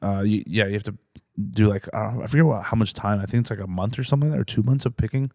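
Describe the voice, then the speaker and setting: A man's voice: fairly low pitch, very fast, dark tone, dry recording. Brief: young man from Canada, loose rambling podcast guest, dry close sound. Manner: rambling, many fillers and restarts. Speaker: comedian guest. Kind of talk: casual podcast chat.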